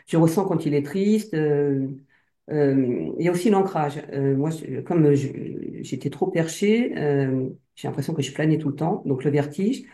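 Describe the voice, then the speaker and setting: In a low-sitting, warm voice, a woman talks informally about what she went through as a hypnosis client, stumbling and restarting often and leaning on filler words. Echo from the room fills the recording.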